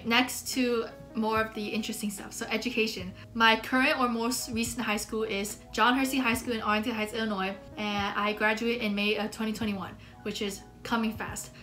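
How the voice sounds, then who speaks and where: An eighteen-year-old American student vlogger whose first language is Mandarin talks casually to camera from a small bedroom, chatty and upbeat with lots of "like" fillers. Her light voice is a little high and fairly bright, with little pitch movement, a moderate pace and few pauses. Soft music plays in the background.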